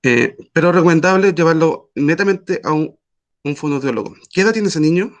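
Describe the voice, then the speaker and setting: Male teacher, slightly high voice, patient and halting explanation style. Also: expressive. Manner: patient, explains with many pauses and fillers. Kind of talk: online class lecture.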